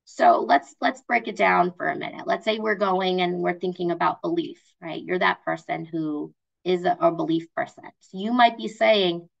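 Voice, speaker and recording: A woman's voice: on the low side, moderate pace, gravelly, muffled recording. A woman presenting an online wellbeing workshop, chatty and acting out example voices.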